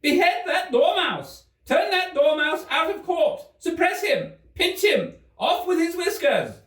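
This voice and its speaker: Man putting on the Queen, piercingly high, imperious. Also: sing-song, unhurried, fairly bright tone, full character voice. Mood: furious. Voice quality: shrill, shrieking. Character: shrieking, bloodthirsty, domineering Queen. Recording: roomy, slightly distant microphone.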